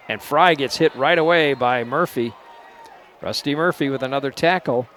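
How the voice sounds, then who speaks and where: A man's voice: medium pitch, a little hiss or hum. Unpolished small-station football announcer, man. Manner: relaxed, unpolished, hesitant over names. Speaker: play-by-play announcer. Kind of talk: local college football commentary.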